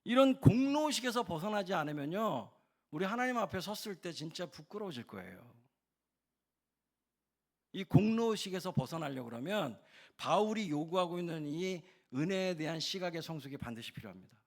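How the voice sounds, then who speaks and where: A man's voice: sits high, sing-song, normal speed. A man preaching a sermon as pastor at a Wednesday prayer service, speaking emphatically to the congregation. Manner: emphatic, addresses congregation directly.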